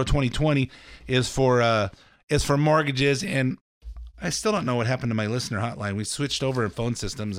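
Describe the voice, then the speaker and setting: A middle-aged man with a medium-pitched, slightly scratchy voice hosts talk radio, wandering through a casual political monologue in a folksy manner with fillers and restarts. Ads for his mortgage business come between segments. The recording is dry and studio quality.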